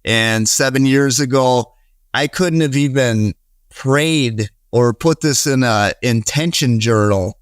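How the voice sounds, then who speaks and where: In clean studio sound with no echo, a man in his thirties with a Wisconsin accent, a real estate investor, speaks slowly in a mid-range voice with a clean tone. He rambles earnestly as a podcast guest, restarting often and using fillers.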